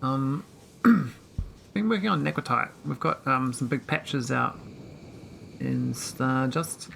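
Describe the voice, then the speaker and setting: A man chatting casually while streaming a game, rambling with many pauses and talking to his viewers. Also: mid-range voice, creaky, fairly bright tone, slight background noise. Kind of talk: casual live-stream chat.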